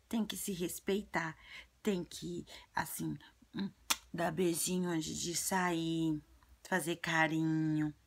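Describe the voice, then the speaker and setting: A woman voicing an earnest, chatty little girl who tells childlike stories and gives advice in a breathy, often half-whispered voice. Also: fairly low pitch, heavily acted. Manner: childlike storytelling, repetitive. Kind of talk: video monologue in character.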